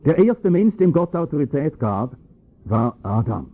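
A man preaching a sermon, explaining scripture with emphatic, rising stress on key points and a husky voice. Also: a little high, very animated, measured pace. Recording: tinny phone-like lo-fi recording.

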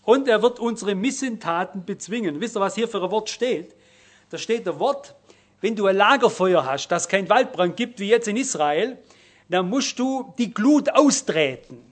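A man preaching a sermon, exhorting his listeners and swinging between quiet, low passages and loud, urgent ones. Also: lively intonation, normal speed.

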